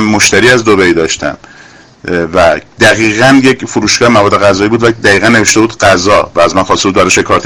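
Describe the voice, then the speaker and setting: A man from Iran delivers a heated, lecturing monologue, scolding his listeners with indignation. His voice is bright and forceful, and it swells toward shouting when he is most worked up. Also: lowish voice. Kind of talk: impassioned monologue.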